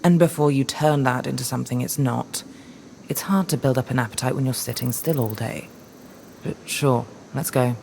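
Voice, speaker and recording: A dry, guarded young woman with a gravelly low voice. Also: moderate pace, darkish tone, a little hiss or hum. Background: game music.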